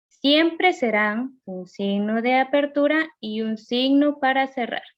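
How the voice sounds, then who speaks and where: A woman teacher giving a recorded grammar lesson, reading rules and examples slowly and carefully. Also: a little high, highs cut off.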